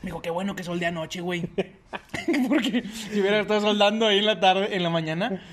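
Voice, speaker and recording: A young man with a Mexican Spanish accent, telling a story in casual, slangy talk and acting out the shouts and quotes. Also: high-pitched, a little fast.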